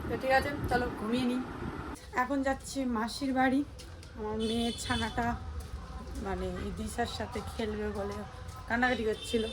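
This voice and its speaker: A woman's voice: a little high, steady tone, normal speed, noisy background. A young woman and mother chatting casually to her viewers, laughing often as she shows her family. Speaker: vlogger and mother. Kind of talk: casual vlog narration to viewers. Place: home and a relative's house, indoors.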